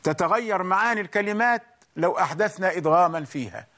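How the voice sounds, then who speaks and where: A man teaching a Quran recitation lesson, explaining each rule slowly and repeating it in English and Arabic. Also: high voice, lively intonation, bright, forceful tone. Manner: slow, explains each point twice, once in English and once in Arabic. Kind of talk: bilingual tajweed lesson.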